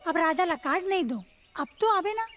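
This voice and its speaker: An actress playing a friendly young bride-to-be who coaxes gently in a Chhattisgarhi accent. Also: female voice, very high-pitched, expressive, moderate pace. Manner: friendly, coaxing. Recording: film audio under background music.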